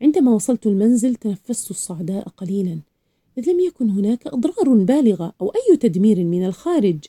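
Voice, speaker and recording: A woman reading a novel aloud in an expressive first-person storytelling voice. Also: on the high side. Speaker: narrator.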